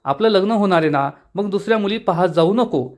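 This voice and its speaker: Guy reading a pushy teasing village girl, highish voice, fast. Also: animated. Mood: pressing. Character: stubborn teasing young village woman.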